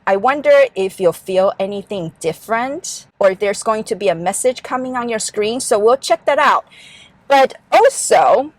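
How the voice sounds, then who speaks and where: A woman's voice: mid-range voice, animated, moderate pace. A woman from Taiwan, a native Chinese speaker, chattily explaining step by step from inside her car. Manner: chatty and explanatory, walking viewers through steps. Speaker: car vlogger. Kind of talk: casual vlog narration.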